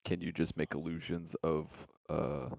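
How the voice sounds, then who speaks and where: A man playing a tabletop game, bantering with jokes and swearing as he pitches plans. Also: level tone, moderate pace, vocal fry, darkish tone, no room sound. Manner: joking, profane banter. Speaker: player. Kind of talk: casual chat while playing a tabletop game.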